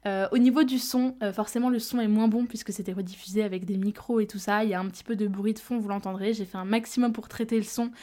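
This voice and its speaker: A woman's voice: medium pitch, fairly even intonation, fast talker, few pauses, dark tone. Chatty, self-deprecating woman podcast host. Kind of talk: casual solo podcast introduction.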